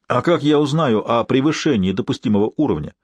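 A man's voice: medium pitch, animated, quick pace, darkish tone, breathy edge, dry recording. A male narrator voicing a sardonic young ruler who grumbles and mocks his friend, in an audiobook. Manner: sarcastic, grumbling.

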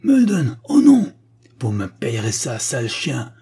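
A man's voice: mid-range voice, moderate pace, darkish tone, husky. A man voicing a bombastic English commander who shrieks orders through a megaphone in a panic. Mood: hysterical.

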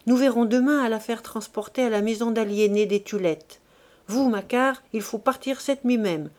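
A woman reading the lines of an anxious aging male merchant who speaks quickly. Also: a little high, darkish tone, lightly acted. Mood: hurried. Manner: quick, nervous.

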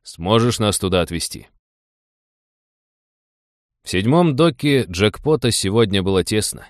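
Male audiobook narrator, deep voice, dry close recording. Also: no echo. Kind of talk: scripted narration.

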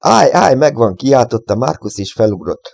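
An impatient friend who hammers at the riddle until it gives way, read by a man. The delivery is lively and full of swings, set in a dark, gravelly voice. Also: mid-range voice, no room sound, clean studio sound. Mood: eager. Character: eager excitable male puzzle solver.

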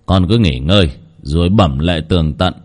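A man's voice: sits low, normal speed, darkish tone, voice pushed down. A man voicing a stern, commanding elderly village elder in a storybook reading. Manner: orders people about.

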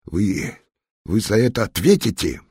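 A man's voice: fairly low pitch, expressive, unhurried, darkish tone, slightly rough, dry recording, clean studio sound, pitched above the performer's own voice, full character voice. A man voicing a frightened, indignant English male spy in an audiobook. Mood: flustered. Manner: indignant, panicky.

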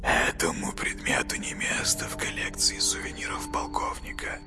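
A ghostly boy familiar hisses every word in a breathy, unvoiced whisper, as a man puts him on. He sounds soft, wary and urgent. Quiet music runs underneath the storybook reading. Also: normal speed, natural voice. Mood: warning. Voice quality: hissing whisper. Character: eerie boy familiar spirit, hissing and wary.

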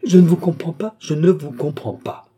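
A man reading the part of a proud, defiant young noblewoman in an audiobook, with a dark, husky voice. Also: lowish voice, a little fast. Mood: indignant. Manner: haughty, defiant.

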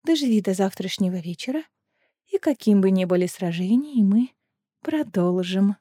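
A woman reading an audiobook, voicing a young warrior woman who speaks softly and intimately. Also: medium pitch, level tone, a little fast, close to an everyday voice. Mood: tender. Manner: soft, hushed and intimate. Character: tender young woman warrior, weary of death.

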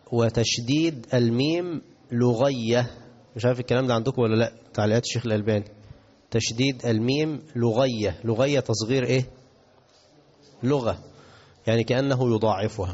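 A man's voice: medium pitch, a little mellow. A man with an Egyptian accent giving a religious lesson, asking his listeners questions and answering them himself. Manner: asks the audience questions and answers himself, mixes classical and colloquial. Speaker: sheikh teaching hadith. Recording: dull recording in a reverberant hall.

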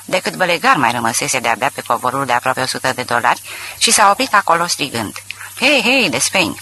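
Bright, expressive male audiobook narrator. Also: mid-range voice, rough recording. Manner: expressive, storytelling. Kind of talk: literary audiobook reading.

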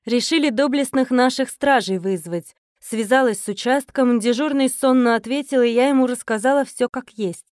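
Woman reading an audiobook, kinda high voice, lively, dry close sound. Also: moderate pace, few pauses, dry recording. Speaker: audiobook narrator. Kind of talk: first-person audiobook narration.

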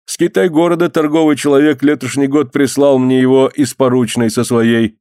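A man's voice: medium pitch, fairly even intonation, moderate pace, mellow, smooth, dry recording, studio quality, voice pushed up, close to an everyday voice. A man voicing a careful, placating male village priest.

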